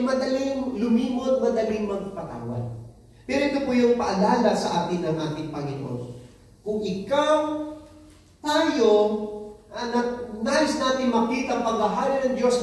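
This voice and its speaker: A woman's voice: high-pitched, darkish tone, recorded from a distance. Woman preacher, chatty sermon, lots of "right?", super echoey room, mic way off. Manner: keeps asking the congregation for agreement. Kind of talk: conversational sermon. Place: church hall.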